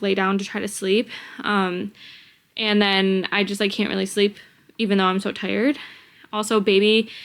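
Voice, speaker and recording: Woman in her twenties, chatty vlogger, a bit out of breath, rambles with lots of fillers. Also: medium pitch. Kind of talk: casual pregnancy vlog.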